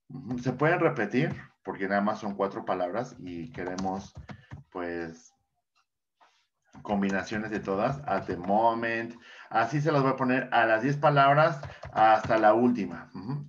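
Lo-fi Mexican teacher explaining grammar. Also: male voice, medium pitch, a bit bright, a little hiss or hum. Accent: Mexican Spanish. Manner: patient, repeats words for students, asks and answers himself. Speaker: English teacher. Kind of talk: classroom lesson explanation. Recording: dull lo-fi sound.

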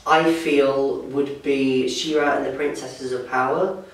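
A young man gives a halting, casual vox pop answer, full of fillers. His voice sits at middle pitch and sounds distant, in a very roomy space. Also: fairly even intonation. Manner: hesitant, with many fillers. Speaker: interviewee. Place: small indoor room by a door. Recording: echoey room, distant mic.

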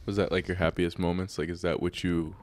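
Low-voiced male co-host, slangy banter. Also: flat delivery. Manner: joking, slangy, quick reactions. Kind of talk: casual chat.

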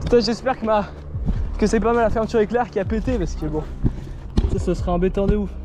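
A young man filming himself outdoors with an action camera, talking in excited bursts and swearing at a mishap. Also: sits high, fast, noisy background. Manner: excitable, exclaiming. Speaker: cycling vlogger. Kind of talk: on-the-go vlog talk. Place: outdoors on a cycle path.

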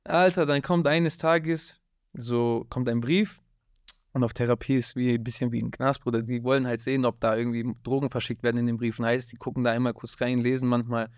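Briskly and animatedly, a mid-pitched rapper recounts stories as a guest in a casual interview, his speech full of street slang and repeated "Bruder." His voice is clear and resonant, recorded dry with no echo through a close boom-arm mic in a dark studio with blue lights.

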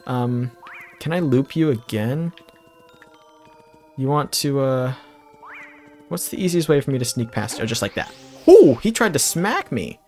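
A man talks through a video game in a relaxed, rambling way, tossing off small jokes between moves. His voice sits at an ordinary middle pitch. Faint game music runs underneath. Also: measured pace, long pauses. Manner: rambling, jokey asides. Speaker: let's play commentator. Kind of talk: casual gameplay commentary.

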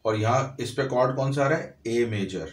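A man teaches a piano lesson, talking through each note and chord step by step. His voice sits in the middle range and rings in an echoey room, with soft piano in the background. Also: medium pitch, moderate pace. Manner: explains step by step, counting notes aloud. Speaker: music teacher. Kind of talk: piano tutorial.

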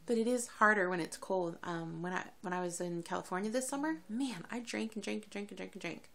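A woman vlogger chatting casually to camera in a rambling, quick way, full of fillers, as she keeps a daily diet diary. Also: medium pitch, vocal fry, a bit bright.

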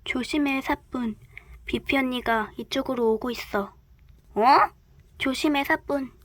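A woman voicing a gentle little female ballet fairy who speaks softly and ends her lines with a catchword. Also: high-pitched, unhurried. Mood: hushed.

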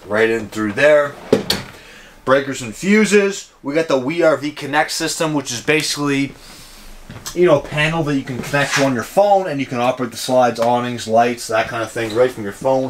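A man's voice: medium pitch, normal speed. A man giving an upbeat, jokey walkthrough of a camper trailer as a dealership salesman. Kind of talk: casual walkthrough tour. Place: inside a small camper trailer. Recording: noisy camper interior.

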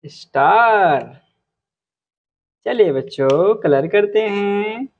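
Slow kids drawing teacher naming colors n shapes one by one, tinny phone-ish audio. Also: medium pitch, lively intonation. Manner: names each color and shape one at a time. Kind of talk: slow instructional narration for kids.

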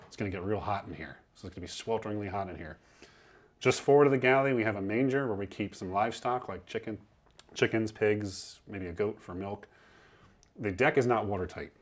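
A man in his thirties guiding a tour below deck on a historic ship, explaining in a chatty way with a lapel mic. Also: fairly low pitch. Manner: chatty, explanatory, acts out quoted sailors. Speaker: museum ship guide.

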